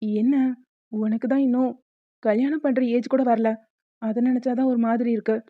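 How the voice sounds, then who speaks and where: A woman voicing a gentle young husband in a cartoon, soothing and patient. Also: a little high, steady tone, normal speed, no room sound, phone-quality sound, lightly acted. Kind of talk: cartoon voice acting.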